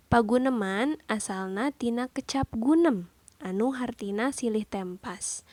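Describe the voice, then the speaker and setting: Slow, deliberate woman teacher. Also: mid-range voice, darkish tone, dry recording. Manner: explains each point then repeats it in a second language. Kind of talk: classroom lesson explanation.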